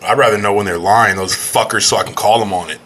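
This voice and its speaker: A man's voice: fairly low pitch, fairly even intonation, fast, fairly bright tone. A man co-hosting a casual podcast, joking around, swearing freely and laughing a lot. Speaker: podcast co-host.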